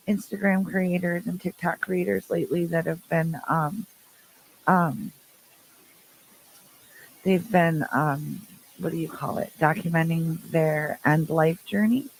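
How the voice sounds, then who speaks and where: A woman's voice: fairly low pitch, rough recording. Chatty woman on a video call. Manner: chatty, jokey, playful with accents. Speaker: meeting participant. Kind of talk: casual group chat on a video call.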